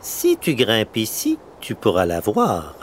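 A man voicing a clever, patient female crow in a storybook reading, slow and coaxing. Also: on the low side, huge pitch swings, a little hiss or hum, heavily acted. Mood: encouraging.

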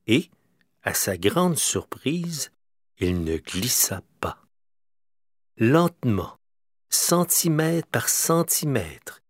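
A man reading a children's story aloud, slow and expressive. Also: mid-range voice, breathy edge, dry recording.

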